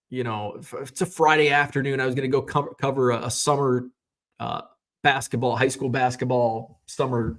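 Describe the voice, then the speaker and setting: A man's voice: mid-range voice, a bit bright. A man in his thirties, a sports card seller, telling a casual personal story in a rambling, self-correcting way with the odd chuckle. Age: 30s.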